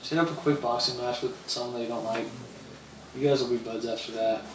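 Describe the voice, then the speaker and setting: A man's voice: medium pitch, steady tone, a little fast, recorded from a distance, background noise. A young man streaming, telling a rambling, slangy story in casual chat and quoting people in voices. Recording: roomy, off-mic with faint ambience.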